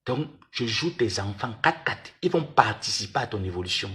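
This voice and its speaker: A man's voice: medium pitch, animated, moderate pace, fairly bright tone. A man hosting a livestream, taunting and arguing in a mocking, repetitive way. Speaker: live-stream host. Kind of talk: livestream rant and chat.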